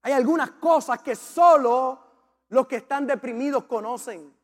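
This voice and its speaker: A man's voice: extremely high pitch, measured pace. A man preaching a sermon as a pastor, impassioned and repetitive as he urges the congregation on. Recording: long reverb of a large hall.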